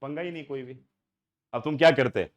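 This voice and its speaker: A man's voice: mid-range voice, brisk. A middle-aged man from India teaching math to a live class, keeps quizzing students as he works through each step. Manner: questioning students, mixing Hindi and English. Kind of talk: classroom lecture.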